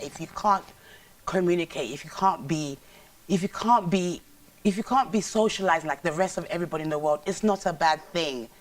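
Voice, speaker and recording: A woman's voice: low voice, no echo, distant mic. A woman from Nigeria, a guest actress, speaking earnestly and encouragingly. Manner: earnest, motivational. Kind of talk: casual chat.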